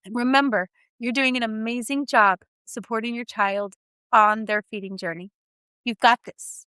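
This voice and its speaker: A woman's voice: on the high side, moderate pace, clear, resonant tone, no echo. A woman feeding therapist giving encouraging, practical advice to parents in a solo talk. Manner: warm, encouraging, animated teaching.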